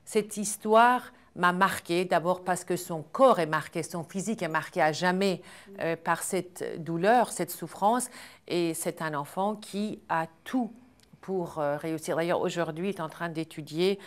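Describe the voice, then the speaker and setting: Interview guest: middle-aged woman from Iran, lowish voice, earnest and measured, hesitant. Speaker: charity founder and guest.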